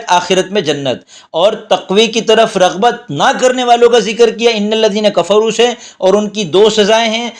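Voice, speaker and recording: Brief: fairly high male voice, patient teacher, speech, simplifies and repeats. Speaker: teacher of Quranic commentary. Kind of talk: explanatory lesson.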